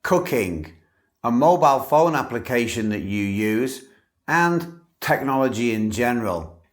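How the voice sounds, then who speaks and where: Clear-spoken male English teacher. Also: mid-range voice, a bit bright. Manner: clear, careful native-speaker delivery. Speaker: English teacher playing an exam candidate. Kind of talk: scripted model exam answers.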